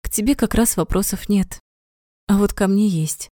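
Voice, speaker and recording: A woman's voice: mid-range voice, moderate pace, mellow, no room sound, clean studio sound, natural voice. A woman voicing an emotional, outspoken young woman who swears when upset in a storybook reading. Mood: pained.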